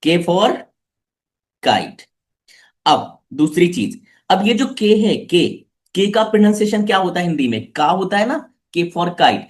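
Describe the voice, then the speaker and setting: A man's voice: high voice, very animated, moderate pace. A man teaching a live online class for children, coaxing them with repeated questions.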